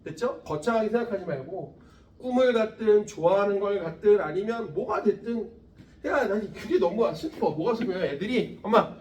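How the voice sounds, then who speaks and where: His voice sits high and his pace is moderate as this man in his thirties runs a physics lecture, joking, cursing and chatting animatedly with students. The sound comes from a distance in an echoey classroom, with slight background noise.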